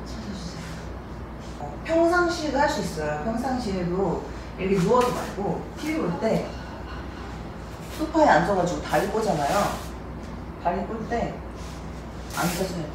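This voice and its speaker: A young woman teaching stretches patiently guides listeners through calf stretches while showing each one, her mid-range voice lively at a moderate pace with long pauses. She's in a bright, wood-floored living room. Expect echo, a distant mic, background noise, and loud music underneath.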